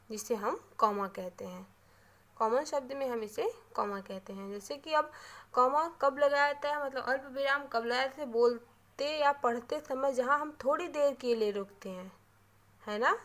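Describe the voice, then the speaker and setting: Hindi teacher woman, slightly high voice. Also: a bit bright. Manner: repeats key terms slowly, frequent "है ना" tag questions. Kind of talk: classroom grammar lesson.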